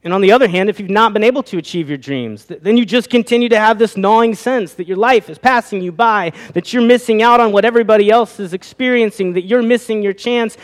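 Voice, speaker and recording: A pastor preaching a sermon, asking his listeners rhetorical questions, his voice rising and falling. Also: high-pitched. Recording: long reverb of a hall.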